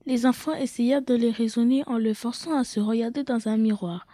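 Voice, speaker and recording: A woman's voice: a little high, fairly even intonation, fairly quick, no room sound, clean studio sound. Woman reading a story dramatically. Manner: dramatic reading with loud bursts and whispered asides. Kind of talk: reading her own children's story aloud.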